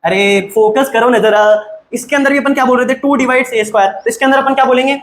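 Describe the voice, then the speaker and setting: A man with a high voice teaches maths, firing quick check-questions at his students and pushing for fast answers. He mixes English maths terms into his Hindi. The sound is echoey, as if recorded in a bare room. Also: steady tone, a bit bright, slight background noise. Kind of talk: classroom-style maths lesson.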